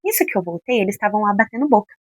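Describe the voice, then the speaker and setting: A young woman from Brazil in her twenties, telling a personal story to her followers in a casual, expressive way and acting out what each person said. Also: mid-range voice, racing, breathy edge, dry recording. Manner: expressive, animated, acts out quoted lines. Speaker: vlogger.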